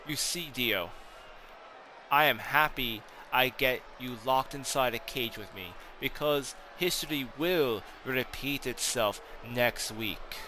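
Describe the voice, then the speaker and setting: A cocky wrestling champion, as a man puts him on, boasts in slow, commanding lines. The voice is bright and forceful. A faint hum of room ambience runs underneath. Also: medium pitch. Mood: boastful, commanding. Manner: boastful, commanding, drawn-out emphasis. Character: arrogant male wrestling champion, boastful, domineering. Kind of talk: hobby wrestling storyline role-play.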